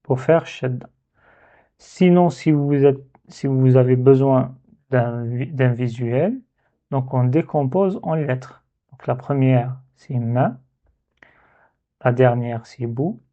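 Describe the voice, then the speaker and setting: A man's voice: medium pitch, slow, mellow. A man teaching Arabic letter reading in a step-by-step lesson, patiently repeating syllables to demonstrate. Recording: tinny phone-like sound.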